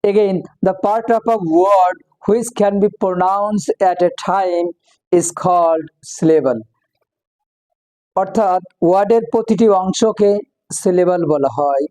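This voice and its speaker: A teacher speaks extremely slowly, drawing out every word. The voice is warm and mellow. Words are repeated over and over and split into their parts for learners. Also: mid-range voice, poor audio. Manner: repeats each word several times and breaks words into parts; switches between English and Bengali explanations. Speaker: English teacher. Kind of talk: recorded online lesson.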